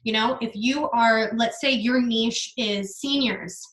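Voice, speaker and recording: A young woman giving a casual online business masterclass, earnest and energetic, now and then swearing. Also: on the high side, slow, echoey room, poor audio.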